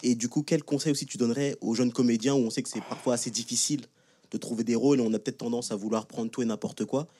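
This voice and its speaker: Casting note: audience man, quick and mellow, careful hesitant wording. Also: medium pitch, steady tone. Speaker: audience questioner. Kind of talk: asking a question at a panel.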